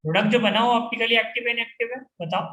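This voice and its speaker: A man's voice: very high-pitched, racing, sharp tone. A man teaching chemistry to a class, repeatedly firing questions at his students and drilling the answers. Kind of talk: classroom lecture. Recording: echoey room.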